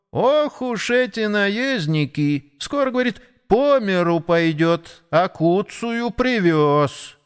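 A chirping, self-important little sparrow , as a male narrator puts him on, spreading gossip in a high, darting voice that leaps all over. A busybody bird in a storybook, smug and fussy. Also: clean tone. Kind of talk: audiobook character voice.

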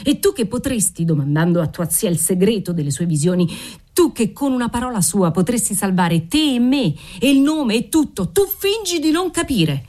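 A woman with a fairly low, highly animated voice reads at a moderate pace as a volatile aging nobleman, a desperate and pious father. Furious, fervent and obsessive, she swings from dreamy murmurs to raging shouts.

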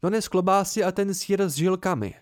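A man's voice: high voice, pitched above the performer's own voice, natural voice. A man voicing a fussy young apprentice in an amateur audiobook, pleading and petulant. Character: fussy young male apprentice, whiny and eager.

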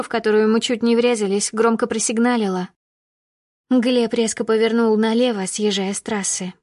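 A woman's voice: fairly high pitch, dry recording, clean studio sound. Woman narrating a first-person audiobook. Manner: steady storytelling, rising with emotion in dialogue.

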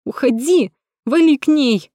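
A woman's voice: high-pitched, expressive, measured pace, no room sound, studio quality, voice pushed up. Woman voicing a shrieking hysterical young woman. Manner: shrieking, voice cracking from yelling.

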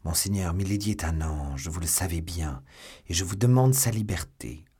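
A man's voice: low-pitched, moderate pace, warm tone, breathy edge. A man voicing a fanatical young officer whose speech grows more clipped and jerky. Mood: pleading. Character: fanatical young male officer, pleading then threatening.

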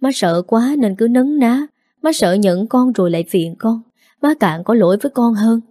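A woman's voice: a little high, animated, warm tone, dry recording, clean studio sound. Woman voicing a frail dying old mother. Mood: grieving. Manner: slow, faltering, tearful.

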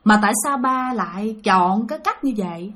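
Woman doing grieving son, lively pleading questions. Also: medium pitch, moderate pace, natural voice. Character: grieving adult son, pleading with his dead father.

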